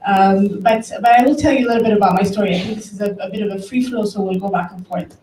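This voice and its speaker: In a mid-range, mellow voice at a quick pace, a conference speaker from Ethiopia who directs a tech company gives an informal, story-driven talk, speaking directly to her audience in an event room. The recording is roomy from a distant mic, with faint background noise.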